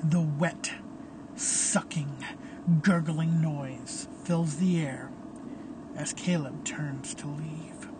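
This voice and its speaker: A storyteller narrating a violent horror scene in a slow, deliberate, hushed reading. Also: medium pitch, steady tone, background noise.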